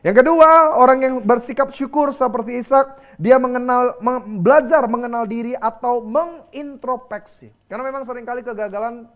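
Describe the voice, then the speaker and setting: A man's voice: very high-pitched, muffled recording. A male pastor with an Indonesian accent preaching a sermon, telling stories and laughing as he goes. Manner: lively preaching with storytelling and laughter.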